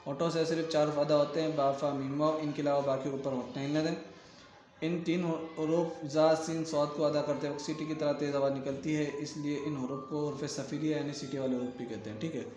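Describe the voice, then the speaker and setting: A man's voice: a little high, flat delivery, darkish tone. A man with a slightly raised voice gives a recorded lesson on reading the Quran. He patiently repeats each letter name and stretches the sounds out long. The room is echoey with a faint hum of ambience behind him.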